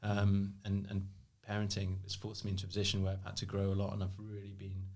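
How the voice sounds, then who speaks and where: A man with a Welsh accent, a personal trainer talking as a podcast guest in a relaxed, reflective way. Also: low voice, fast talker, a little hiss or hum. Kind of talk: relaxed interview chat.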